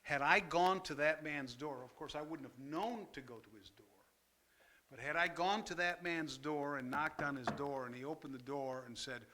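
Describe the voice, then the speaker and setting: An older man, a pastor and former fire chaplain, telling an earnest story at a church workshop, pausing often and growing emotional at times. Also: on the high side, noisy background. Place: church meeting room.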